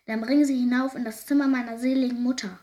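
A woman's voice: a little high, fairly even intonation, quick pace, dark tone, pitched above the performer's own voice, lightly acted. A woman voicing a blustering, commanding rich old landowner in a told folk tale. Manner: commanding, gruff.

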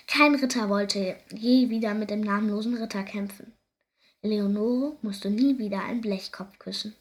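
Here a woman with a mid-range voice narrates a children's story, lively and expressive, at a moderate speed.

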